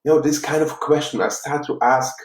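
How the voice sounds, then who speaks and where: A man from the Czech Republic with a Czech accent, a life coach giving an earnest, halting motivational talk on a live stream. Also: mid-range voice, a little hiss or hum. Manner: earnest, halting, with frequent restarts. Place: room in Los Angeles. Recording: roomy, distant mic.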